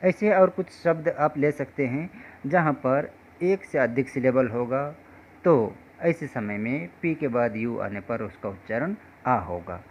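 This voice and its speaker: A man explains pronunciation at an unhurried pace, pausing on each example word. His voice sits at an ordinary pitch. The recording is muffled and lo-fi, with a faint hum behind it. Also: animated. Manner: slow, patient, addresses viewers as friends. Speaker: English teacher.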